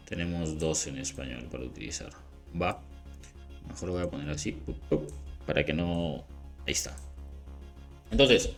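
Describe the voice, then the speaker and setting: Faint background music plays as an English teacher, a man whose voice sits on the low side, walks through a language lesson. He's relaxed and conversational, checking in with rhetorical "¿no?" and "¿vale?" and slowing to demonstrate phrases with care.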